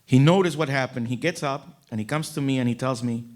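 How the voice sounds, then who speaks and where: A man's voice: mid-range voice, a little fast, a little mellow. A man giving an inspirational religious talk as a rabbi, telling stories emphatically and acting out the dialogue. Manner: emphatic, dramatic storyteller who acts out dialogue. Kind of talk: inspirational religious storytelling speech.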